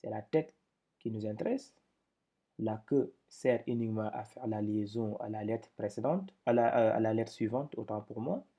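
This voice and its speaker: A man's voice: fairly low pitch, moderate pace, dark tone. A man teaching a step-by-step lesson, explaining patiently with repetitions and speaking up when he drills syllables.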